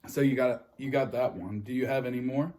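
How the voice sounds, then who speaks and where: A man's voice: mid-range voice, a little fast, background noise. A man hosting a mukbang, chatting casually with a friend. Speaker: host of a mukbang food vlog.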